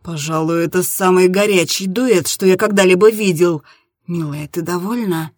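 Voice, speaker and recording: A calm, self-assured man speaking softly and coaxingly, his voice set a touch lower and quieter than the narration, as a female reader acts him out. The sound is husky and close, with a dry recording. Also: moderate pace, no room sound, lightly acted. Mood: admiring. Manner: soft and coaxing. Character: calm, confident adult man, gentle lover.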